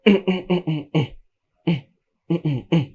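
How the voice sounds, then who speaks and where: A strict, impatient dance teacher. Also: male voice, on the high side, slow, breathy edge. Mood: scolding. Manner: scolding, impatient, shouting at his student. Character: strict short-tempered male dance teacher. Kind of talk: dubbed film acting.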